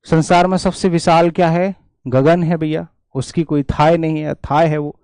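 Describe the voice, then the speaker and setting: A man teaching a vocabulary lesson in a fairly high voice. He repeats each word several times and keeps checking in with his students. The sound is dry and close, with no room echo. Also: steady tone, normal speed, a little mellow, smooth. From India. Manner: repetitive, explanatory, checks in with "theek hai". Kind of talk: exam-prep vocabulary lesson.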